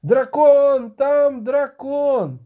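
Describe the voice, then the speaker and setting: A man reading an audiobook, voicing a panicked, breathless village shoemaker yelling a warning. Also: extremely high pitch, expressive, a little fast, muffled recording, voice pushed up.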